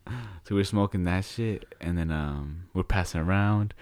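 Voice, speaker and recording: Low-voiced young man rambling in slang. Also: moderate pace, a little mellow, smooth, dry recording, clean studio sound. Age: young adult. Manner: slangy, rambling, repeats words. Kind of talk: casual chat, swapping stories.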